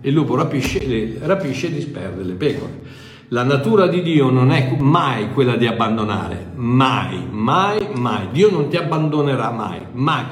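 An older man preaches in a conversational way, speaking directly to his listeners at a middle pitch. He drives points home by repeating short phrases and often restarts mid-sentence. The sound is noticeably echoey, like a reverberant room. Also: sing-song, measured pace. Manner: emphatic repetition, self-correcting, conversational. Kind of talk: informal sermon, teaching directly to listeners.

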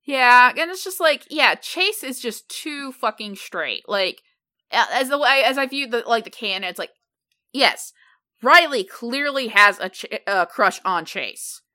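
Bright, kinda high woman on a podcast, blunt, stammers a bit. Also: lively intonation, measured pace. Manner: frank, stammers on restarts. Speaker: podcast co-host. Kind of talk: casual chat.

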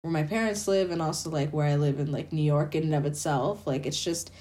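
A woman's voice: low voice, fairly even intonation, fairly quick, warm tone. Nasal, congested young woman co-host. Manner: wry, teasing banter. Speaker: podcast co-host. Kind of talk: casual chat.

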